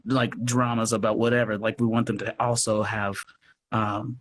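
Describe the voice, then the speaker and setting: A radio play producer, interviewed over a noisy livestream call, talks in a casual, earnest, effusive way and keeps circling back over his wording. His lowish voice is a bit bright, shows little pitch movement and runs at a normal speed.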